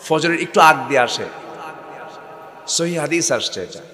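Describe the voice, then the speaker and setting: A man with a northern Bangladeshi accent from Bogura preaching a waz sermon to a live crowd, swinging from soft to shouted and calling on them to answer back. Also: a little high, expressive, measured pace. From Bogura district, Bangladesh. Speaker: Islamic preacher. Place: religious gathering to a live crowd. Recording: echoey loudspeaker sound with long reverb.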